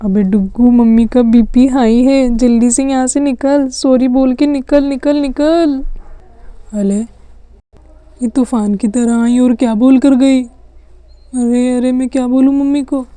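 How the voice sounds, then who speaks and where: A woman's voice: high voice, fairly even intonation, slow pace, warm tone, dry recording. Woman doing whiny little kid dolls. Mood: panicky. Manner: whiny, begging, cutesy baby talk. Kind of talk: doll story play-acting.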